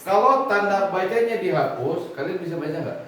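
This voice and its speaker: A man teaching children to read Quranic script, speaking, slow and questioning as he drills the class. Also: sits high, lively intonation, fairly bright tone. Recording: echoey room, mic far off, faint noise.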